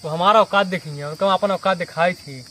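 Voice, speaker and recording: A man's voice: sits high, quick pace, sharp tone. Man acting a belligerent village drunk, noisy outdoor recording. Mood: drunken bravado. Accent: Awadhi. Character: belligerent, boastful village drunkard nursing a grudge. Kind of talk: amateur village comedy skit acting.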